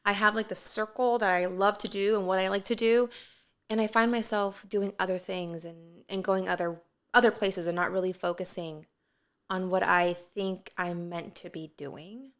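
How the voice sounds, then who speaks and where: Bright, smooth-voiced woman co-host. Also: medium pitch, fairly even intonation, normal speed. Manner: easygoing, rambling, with many fillers. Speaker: podcast co-host. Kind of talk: casual chat.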